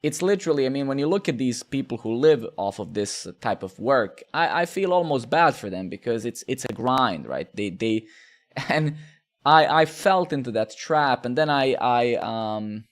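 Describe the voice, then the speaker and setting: Streamer, man, mid-30s, from Serbia, rambling casual chat with swearing and fillers, mid-pitched. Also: expressive, moderate pace. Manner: rambling, lots of filler, swears, asks "right?". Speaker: live-coding streamer. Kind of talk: casual chat while coding.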